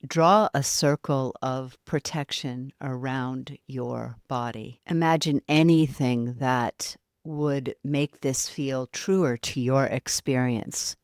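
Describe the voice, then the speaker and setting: A woman leads a yoga nidra meditation, her voice rumbling low, steady, clear and resonant, delivered slowly and softly in short phrases separated by long pauses. She stays soothing and unhurried throughout. The recording is dry and intimate, with no echo.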